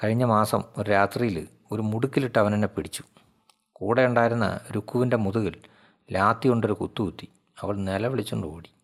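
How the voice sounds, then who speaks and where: Picture a frightened, grieving woman who speaks haltingly, each sentence pushed out with effort, as a male narrator puts her on. The tone stays fairly low and plain. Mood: shaken. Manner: halting, shaken testimony. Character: grieving middle-aged woman, a frightened sex worker.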